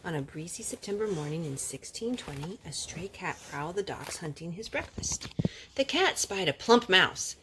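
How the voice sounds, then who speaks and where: A woman reads a children's storybook aloud expressively, tossing in casual asides to the kids. Her voice is on the low side and expressive, at a moderate pace. The home recording is clearly noisy, with clicks.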